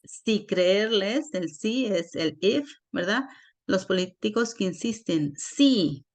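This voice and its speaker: Slow, patient woman teaching grammar. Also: mid-range voice, expressive. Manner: slow, patient, checks in with frequent "¿sí?". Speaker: Spanish teacher. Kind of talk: online grammar lesson.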